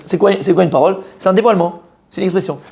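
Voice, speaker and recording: A man's voice: high voice, racing, gravelly, a little mellow. A man, a rabbi, giving an informal Torah lesson to a live group, talking straight to his listeners and repeating key words with many fillers. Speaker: rabbi teaching a Torah class.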